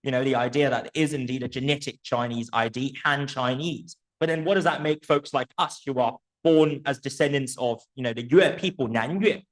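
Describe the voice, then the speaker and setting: Speaking a little fast with few pauses, a man with a mid-range voice delivers an erudite, articulate talk about an academic book. He raises rhetorical questions and often checks in with those listening. The recording is rough.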